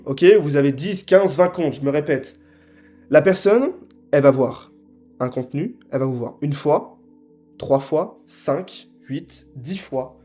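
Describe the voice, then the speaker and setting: A young man giving a scripted sales pitch to camera, assertive and punchy, often tagging his sentences with quick check-ins. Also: mellow. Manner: assertive, punchy, frequent tag questions. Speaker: marketing consultant.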